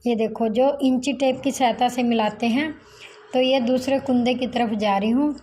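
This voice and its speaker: High-pitched woman doing a slow sewing tutorial, repeats numbers as she cuts. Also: dark tone, slight background noise, rough recording. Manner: slow, repetitive, counting measurements aloud. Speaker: tailoring teacher.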